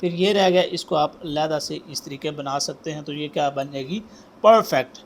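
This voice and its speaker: A man's voice: a little high, steady tone, fairly quick, a little hiss or hum. A man teaching handwriting step by step. He walks through each stroke as he writes and keeps checking in with his students. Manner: step-by-step instruction, often says "ठीक है जी" and calls out "students". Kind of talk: handwriting lesson.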